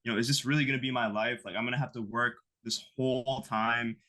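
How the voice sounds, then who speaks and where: A man's voice: medium pitch, fairly even intonation, fast, sharp tone. A man in his twenties from the US East Coast, an interview guest talking casually and rambling with lots of fillers. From East Coast of the United States. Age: 20s. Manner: rambling, heavy on fillers like "you know" and "like".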